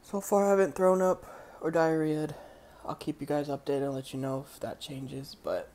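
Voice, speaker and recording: A young man in his twenties talks straight into a phone held close, delivering a crude, deadpan food review. He stays dry and matter-of-fact at an everyday pitch, with a faint room noise behind him. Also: normal speed. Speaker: comedy vlogger. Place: small indoor laundromat by a window. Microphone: phone camera held close.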